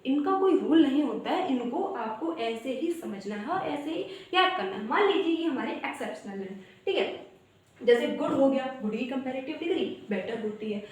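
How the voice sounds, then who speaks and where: A woman's voice: high voice, expressive, normal speed. A woman teaching English grammar in an online coaching lesson, explaining step by step and chanting word lists. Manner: explains step by step, addresses viewers as "guys", sing-song word lists. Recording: very echoey room.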